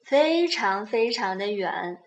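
A woman voicing a big, gentle grown-up rabbit, calm and fond, in a children's bedtime storybook reading. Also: medium pitch, slow pace. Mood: tender.

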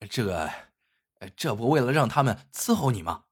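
A male storyteller voicing a greedy, cowardly rich villager who talks low and wheedling. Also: very animated, moderate pace, breathy edge. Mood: stammering.

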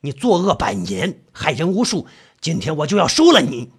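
A man playing a gruff male exorcist, bold and dry-humored, speaking low and commanding. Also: wildly swooping pitch, normal speed, exaggerated voice.

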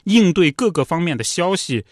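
Lively male podcast storyteller. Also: high voice, normal speed, no room sound, studio quality. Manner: animated retelling with conversational tags. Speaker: podcast host. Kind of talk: casual history storytelling.

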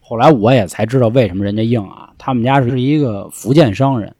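A young man telling a story in a casual chat, swearing freely and acting out shouts from the story. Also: mid-range voice, brisk, breathy edge, no room sound. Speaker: storyteller guest.

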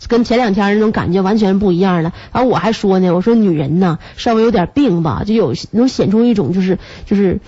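A woman's voice: mid-range voice, quick pace, few pauses, breathy edge. Stuffy-nosed Northeastern woman radio host. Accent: Northeastern Chinese. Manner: lively, teasing, laughs often. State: stuffy nose from a cold. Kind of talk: comic chatty monologue. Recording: muffled radio broadcast recording.

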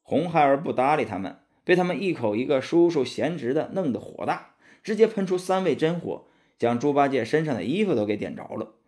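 A male storyteller reads a children's tale with a lively, expressive delivery. His pitch rises and falls through a wide range at a middling height. It is an even-paced storybook narration. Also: brisk.

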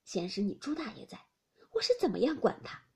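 An anxious mother of noble rank, close to fifty, as a woman reader puts her on. She speaks in a soft, breathy half-whisper with lively rises and falls. It is an audiobook reading of a classic novel. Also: fairly high pitch, fairly quick, heavily acted. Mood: grieving.

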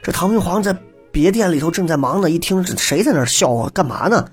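A man with a slightly high, husky voice tells a historical tale in a chatty, animated way. He acts out the characters' lines and breaks off for wry asides to his listeners. Faint music plays underneath. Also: fast talker. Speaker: storyteller. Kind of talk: lively storytelling lecture on history.

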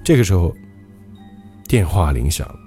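A male podcast host telling a ghost story in a dramatic, lively way. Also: sits low, moderate pace, faint music behind.

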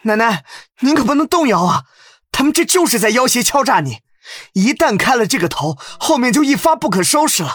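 Male narrator doing a sneering spoiled relative, high, swooping and husky. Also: big pitch swings, fairly quick, fairly bright tone, no room sound, heavily acted. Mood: scornful. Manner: scornful, whiny. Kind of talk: audiobook character voice.

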